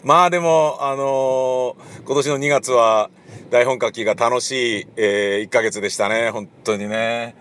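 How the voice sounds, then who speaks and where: Speaking at a measured pace with fairly even intonation, this man has a medium-pitched, slightly bright voice and a clean recording. He's a playwright and director giving a relaxed solo monologue about writing his play, full of fillers, occasionally imitating the people he quotes.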